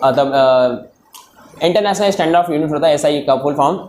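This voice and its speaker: A man with a somewhat high voice teaches students in a coaching classroom. He keeps nudging them to work things out, repeats his prompts, and dictates notes slowly, word by word. His throat is sore from talking, and a light background hum runs under his voice. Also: darkish tone. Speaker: physics tutor.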